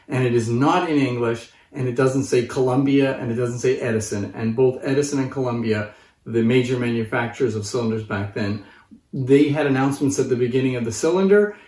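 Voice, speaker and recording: Picked up by a distant microphone in a roomy living room, a man in his fifties sits on a sofa and presents his antique phonograph collection informally to camera. He explains things conversationally in a mid-range, slightly mellow voice.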